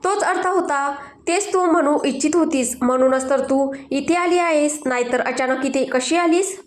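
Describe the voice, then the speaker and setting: Woman voicing a domineering husband, furious, accusing, shouting, storybook, echoey room. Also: high voice, moderate pace, close to an everyday voice. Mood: angry. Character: angry domineering young husband. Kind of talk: storybook narration.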